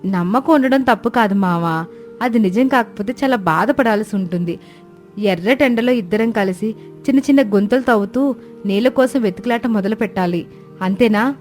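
A woman's voice: mid-range voice, moderate pace, darkish tone, soft background music, close to an everyday voice. Devoted village wife, anxious and pleading; a woman voices her, cartoon story. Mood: doubtful.

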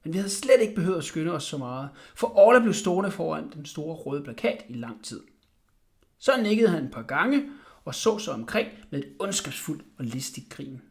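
A man reading a children's bedtime story aloud in an expressive way. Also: on the high side. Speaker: audiobook reader.

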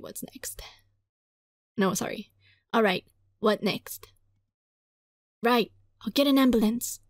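Her voice is on the high side, and the sound is clean and studio-like with no echo, apart from game music in the background. She hosts a gaming video, reading a visual novel with expression and giggling casually along the way.

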